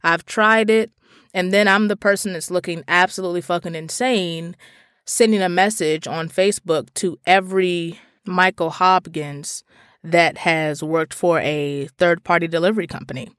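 A woman hosting a podcast, delivering a comedic monologue that swings between loud profane outbursts and low asides. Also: fairly even intonation, moderate pace, smooth, no echo, studio quality. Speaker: podcast host.

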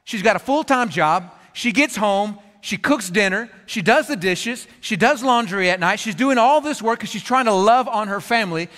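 Bright, animated man preaching in a hall. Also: sits high, normal speed, hardly any pauses. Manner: animated, conversational, acts out little scenes with playful humor. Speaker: pastor. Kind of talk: sermon. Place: church auditorium. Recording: long reverb of a large hall.

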